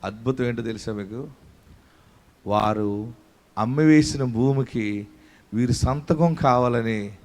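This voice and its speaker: A man pastor preaching a sermon, leading the congregation in song and shouted praise, then telling a story from his church. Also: mid-range voice, slow, long pauses. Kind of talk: sermon with worship singing.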